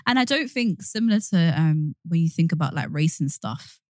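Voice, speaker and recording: A young British woman chats on a podcast in a fairly low voice that moves a lot in pitch. She talks loosely and pokes fun at herself, with plenty of fillers. The recording is close and dry. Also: expressive, moderate pace, darkish tone, no echo. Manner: chatty, self-deprecating, many fillers. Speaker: podcast co-host. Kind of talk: casual chat.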